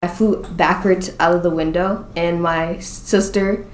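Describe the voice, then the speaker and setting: A woman's voice: lowish voice, fairly even intonation, a little slow. A young woman telling a casual anecdote in a sheepish way. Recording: roomy recording.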